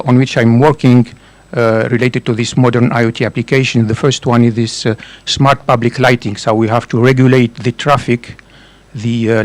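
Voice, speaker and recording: A man's voice: mid-range voice, no echo. A man with a French accent, a professor giving a conference presentation, hesitant with frequent fillers and restarts. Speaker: professor and researcher.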